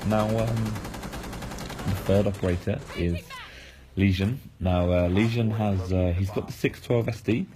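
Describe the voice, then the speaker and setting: A man's voice: low-pitched, steady tone, unhurried, a crowd in the background. A man losing his voice, giving analytical game preview commentary with frequent fillers and restarts.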